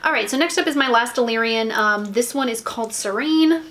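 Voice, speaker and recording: A woman's voice: on the high side, fairly quick, a bit bright. An American woman chatting casually about nail polish, rambling, with lots of ums and restarts. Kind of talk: casual haul chat.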